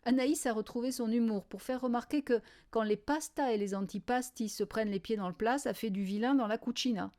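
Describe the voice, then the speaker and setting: Mellow woman reading an audiobook. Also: a little high, brisk, hardly any pauses. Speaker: audiobook reader. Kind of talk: first-person audiobook narration.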